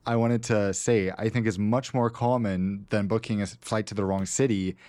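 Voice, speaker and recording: A man co-hosting a podcast in casual chat, laughing often as he tells lively anecdotes. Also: lowish voice, moderate pace, dry recording. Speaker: podcast co-host.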